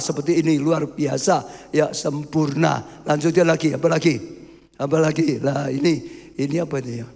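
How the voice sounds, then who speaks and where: A gravelly, fairly high-voiced man preaches, emphatic and constantly turning to the congregation. His voice rings through a church hall with a long, trailing reverb. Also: darkish tone. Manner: emphatic, often addressing the congregation as 'brothers'. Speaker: pastor. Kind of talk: sermon.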